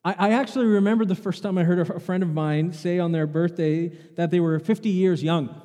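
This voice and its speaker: In a church sanctuary with long hall reverb, a pastor preaches a sermon, chatting with the congregation and posing rhetorical questions. His voice is high-pitched and dark in tone, fairly quick, and fairly even in intonation.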